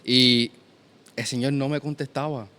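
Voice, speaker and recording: A man's voice: medium pitch, fairly even intonation, a little slow, bright, forceful tone. Earnest young man telling his story. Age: 20s. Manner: earnest, storytelling with many restarts. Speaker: guest. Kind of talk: testimony in a conversation.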